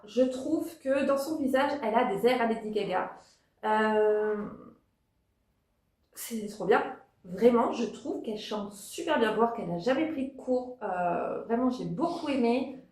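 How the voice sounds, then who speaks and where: A woman giving a casual spoken review as a vlogger, hesitant, with many fillers and restarts. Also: fairly high pitch. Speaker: vlogger reviewing a TV talent show. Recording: echoey room.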